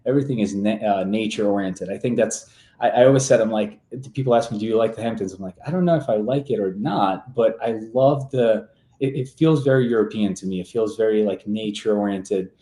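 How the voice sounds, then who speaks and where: A man in his twenties from Serbia, a real estate agent talking as a guest in a relaxed, easygoing way, full of fillers and restarts. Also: on the low side, brisk, echoey room. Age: 20s. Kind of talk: casual interview talk.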